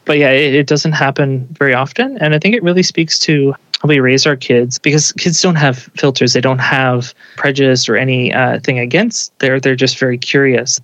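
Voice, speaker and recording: A man's voice: medium pitch, normal speed, hardly any pauses, fairly bright tone, no echo, poor audio. Man, thirties, earnest, reflective, interview guest, dry sound. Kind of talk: conversational interview.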